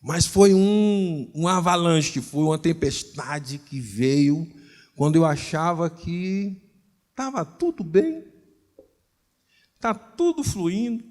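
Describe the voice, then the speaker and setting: A man preaching with a Brazilian accent, telling a story in a lively way and acting out the voices in it. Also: sits high. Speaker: pastor. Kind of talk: storytelling sermon. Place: church hall. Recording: long reverb in a church hall.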